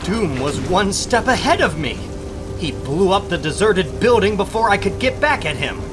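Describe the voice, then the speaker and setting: A man as Spider-Man, lively higher-pitched young hero. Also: normal speed. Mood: determined. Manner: quippy, self-narrating, theatrical. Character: wisecracking teenage male superhero, cocky but hard-luck. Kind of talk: dramatic comic book reading.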